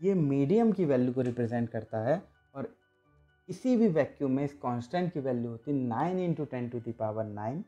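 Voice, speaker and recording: An Indian-accented man teaches a physics lesson, going over each idea step by step and restating the key points. His voice sits in a middle pitch. The recording is a little dull and lo-fi, with faint music under it. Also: expressive, normal speed, mellow. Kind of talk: explanatory classroom lesson.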